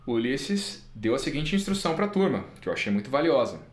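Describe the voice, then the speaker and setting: A man's voice: mid-range voice, brisk. A man with a Brazilian Portuguese accent, a podcast co-host and interpreter chatting casually and emphatically. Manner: animated, laughs often, emphatic. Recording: echoey room.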